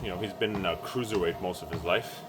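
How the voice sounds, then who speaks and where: A man giving casual, halting solo sports commentary, thinking aloud while exercising on a treadmill. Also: low-pitched, noisy background. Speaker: boxing vlogger giving fight predictions. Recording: music playing behind the voice.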